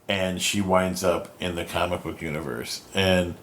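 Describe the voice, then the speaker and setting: A man's voice: deep voice, steady tone, a little slow, fairly bright tone, a little hiss or hum. A man hosting a podcast in a casual, rambling chat, cursing and trailing off mid-sentence. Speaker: podcast host.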